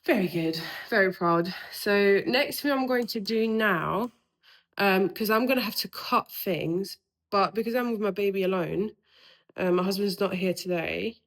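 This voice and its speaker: A woman's voice: medium pitch, measured pace, poor audio. A young woman chatting casually through her own home renovation, explaining each step with lots of ums. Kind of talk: casual DIY home vlog. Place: room in her house under renovation, indoors.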